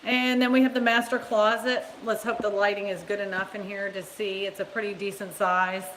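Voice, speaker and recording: A woman's voice: mid-range voice, level tone, fairly quick, fairly bright tone, in a large hall, slight background noise, poor audio. A woman from Massachusetts, a real estate agent, giving a casual, blunt and chatty live-streamed tour inside an empty new house. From Massachusetts, USA. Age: adult.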